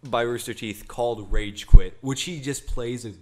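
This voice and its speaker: A man's voice: mid-range voice, moderate pace. A young man co-hosting a casual chat, rambling with many fillers and restarts. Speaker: podcast co-host.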